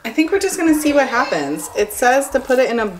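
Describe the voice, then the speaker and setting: A young adult woman, a lifestyle vlogger, chats casually through a bake-along vlog in her home kitchen, thinking aloud and poking fun at herself. Her voice is high with big pitch swings, and she talks fast. The camera picks her up at close range, with music playing in the background.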